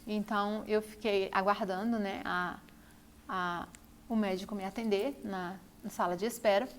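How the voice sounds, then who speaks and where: A woman's voice: mid-range voice, steady tone, moderate pace, slight background noise. A woman telling her own story to camera, repeating phrases for emphasis. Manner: repetitive, emphatic retelling. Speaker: vlogger.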